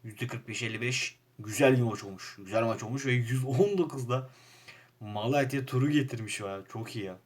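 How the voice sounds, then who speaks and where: A young man with a Turkish accent giving casual commentary over a football manager game, frustrated and grumbling, jumping from loud outbursts to low muttering. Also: fairly quick, husky. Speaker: gaming YouTuber playing a football manager game.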